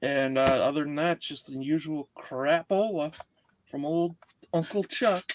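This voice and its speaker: A middle-aged man with a Wisconsin accent co-hosts a loose comedy chat over a video call, flustered and laughing at himself. His voice sits a little high. A faint hiss runs beneath it. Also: fairly even intonation, a little slow. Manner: flustered, self-mocking, laughing. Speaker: podcast co-host.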